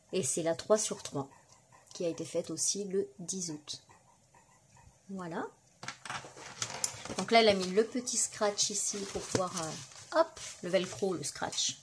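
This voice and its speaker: A woman's voice: medium pitch, darkish tone, slight background noise. A middle-aged woman chatting casually on her crafting vlog, full of fillers and admiring remarks as she shows mail she received. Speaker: crafting YouTuber. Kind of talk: casual show-and-tell vlog.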